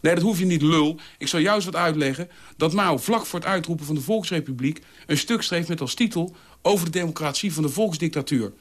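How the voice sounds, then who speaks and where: A man's voice: fairly quick, natural voice. A man reading a radio story, voicing a dogmatic, quarrelsome male commune ideologue who scolds and lectures. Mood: ranting. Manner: shrill, scolding, hectoring.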